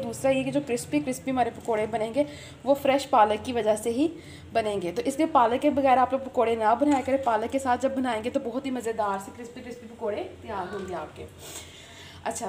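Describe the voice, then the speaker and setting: A chatty woman talks her viewers through a recipe, filmed on a phone camera in her home kitchen. Her voice sits fairly high, and a faint hiss of noise runs under it. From Pakistan. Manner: chatty, repeats filler phrases, addresses viewers directly. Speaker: cooking channel host. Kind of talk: home cooking tutorial.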